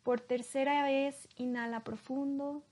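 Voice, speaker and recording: A woman leading a guided hypnosis in a slow, soothing hypnotist voice, leaving long pauses between phrases. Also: high voice, flat delivery, a little mellow.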